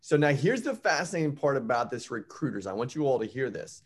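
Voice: mid-range voice, very animated, quick pace, husky. A recruiting coach hosting an interview, affirming the guest and drawing lessons out for the audience. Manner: affirming, coaching, many backchannels.

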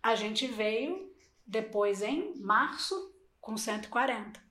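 A woman guest on an interview, a baker, telling her story in a lively, animated way and acting out quoted conversations. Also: fairly high pitch, takes it slowly. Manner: animated, acts out quoted dialogue. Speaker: guest, baker and course creator.

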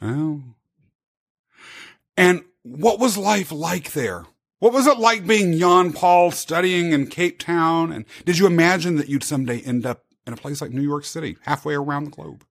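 A man hosting a podcast interview, asking upbeat, animated questions. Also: a little high, normal speed, creaky. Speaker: podcast host.

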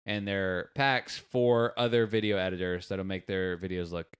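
A man's voice: low-pitched, level tone, normal speed, smooth. A man hosting a podcast in casual chat, telling stories in a rambling way with many fillers. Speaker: podcast host.

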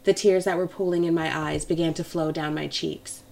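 A woman's voice: sits low, fairly even intonation, brisk, vocal fry, darkish tone. A woman narrating a first-person romance novel in an intimate, emotional storytelling manner. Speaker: audiobook narrator.

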